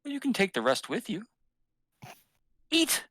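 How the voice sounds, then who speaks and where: A man's voice: high voice, huge pitch swings, measured pace, bright, forceful tone, dry recording, voice pushed up, full character voice. A man voicing an ancient male fey troll who fusses hospitably over his guest in a tabletop game. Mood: hospitable.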